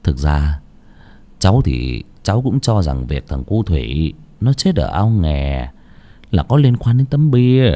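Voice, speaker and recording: A man playing a gruff village man who scolds loudly, in an audio storybook. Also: low-pitched, big pitch swings, measured pace. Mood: uneasy. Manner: gruff, shouting when scolding.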